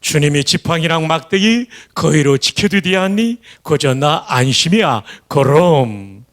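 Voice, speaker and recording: A man's voice: fairly high pitch, lively intonation, measured pace. A man reciting a psalm in a Pyongan dialect, lilting and folksy. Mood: amused.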